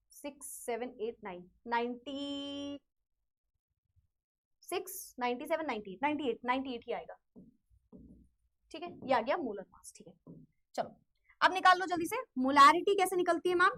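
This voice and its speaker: A high-pitched woman teaches chemistry in an online class. She talks in a lively way, poses questions and answers them herself, and slows right down to repeat definitions word by word. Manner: lively, repeats key phrases slowly to dictate; asks and answers her own questions in students' voice.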